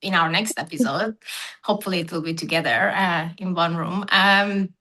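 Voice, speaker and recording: A woman's voice: on the low side, normal speed, sharp tone, rough recording. A woman hosting a podcast, affirming her guest with frequent short agreements before asking her questions. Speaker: podcast host. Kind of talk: conversational interview.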